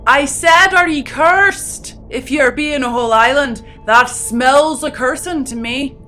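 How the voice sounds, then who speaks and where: A woman voicing a boastful, swaggering male pirate captain who talks in loud, gruff pirate slang, heard as if from a distance. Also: high-pitched, steady tone, a little slow, soft background music, voice pushed up. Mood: blustering.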